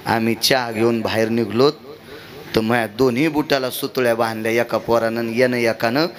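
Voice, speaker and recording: A man preaching a kirtan, telling folksy stories with acted quotes and sudden high-pitched shouts. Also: steady tone, moderate pace. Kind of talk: Marathi kirtan storytelling sermon. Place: kirtan gathering with audience. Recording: live recording with audience crowd noise. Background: audience crowd.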